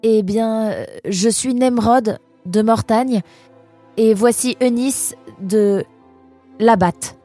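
A woman's voice: medium pitch, expressive, moderate pace, warm tone, soft background music, pitched above the performer's own voice, natural voice. A woman voicing a cheerful, teasing young male animal traveler in a storybook reading, talking playfully and chattily. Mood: uneasy.

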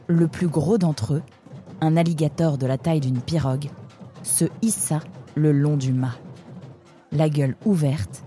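Low-voiced woman reading a story. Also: measured pace, soft background music. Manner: expressive reading. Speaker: narrator. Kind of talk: storybook narration.

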